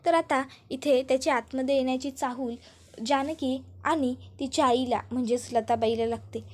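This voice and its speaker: A woman narrating a recap of a TV serial episode, briskly linking scenes and quoting each character. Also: sits high, steady tone, darkish tone. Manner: brisk storyteller, chaining scenes with set phrases.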